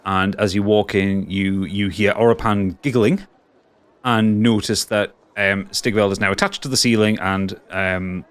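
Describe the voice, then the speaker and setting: A man running a tabletop game as game master, improvising narration in a halting way and repeating himself. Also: lowish voice, steady tone, a bit bright, clear, resonant tone.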